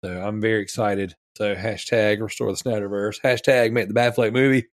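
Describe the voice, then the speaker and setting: A man's voice: on the low side, fairly even intonation, fairly quick, no room sound, studio quality. A man hosting a casual podcast, wheezy and stuffed up from being sick, rambling enthusiastically in loose slang. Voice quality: wheezy, congested, snotty. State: sick with strep throat, mouth-breathing. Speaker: podcast host. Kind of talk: casual chat.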